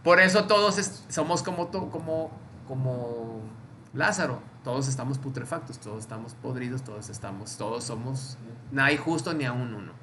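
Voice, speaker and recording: A man's voice: mid-range voice, moderate pace, pushed and bright, slight background noise. A man with a Mexican accent leading an informal Bible study, explaining through little acted-out dialogues and often checking that he is understood. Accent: Mexican Spanish.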